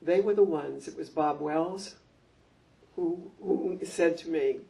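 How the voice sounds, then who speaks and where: Gravelly older woman speaking from a distance. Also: sits low, dark tone. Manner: anecdotal, measured, with frequent ums. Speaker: former school principal. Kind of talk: reminiscing talk at a community gathering. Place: library meeting room. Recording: distant mic.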